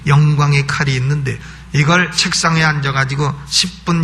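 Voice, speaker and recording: Male pastor, sermon at a church service, emphatic, bright and tense voice, rhetorical questions. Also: on the high side, creaky, a little hiss or hum. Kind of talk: expository sermon.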